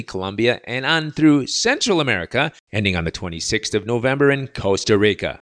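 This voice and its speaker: A male podcast host delivering a mocking, sarcastic monologue. His pitch swings widely as he talks, rising and falling with his jabs. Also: fairly bright tone. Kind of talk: sardonic monologue. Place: living in Latin America.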